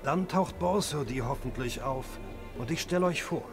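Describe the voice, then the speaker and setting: A man voicing an eager, teasing companion in a video game, chummy and animated. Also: mid-range voice, moderate pace, lightly acted. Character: eager, teasing male acquaintance at the auction. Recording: music behind the voice.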